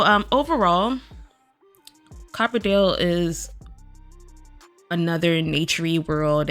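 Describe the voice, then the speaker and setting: Chatty woman gaming vlogger, groggy morning rasp, faint music bed. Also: deep voice, a bit bright. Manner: chatty, addresses viewers directly as "y'all". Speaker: gaming video creator. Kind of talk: casual game overview vlog.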